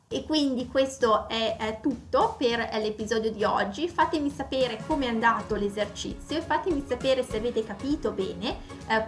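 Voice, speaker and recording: Woman, teacher, fairly high pitch, slow careful enunciation, explanatory lesson style. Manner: explanatory, with frequent fillers. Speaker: Italian teacher. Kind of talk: online grammar lesson.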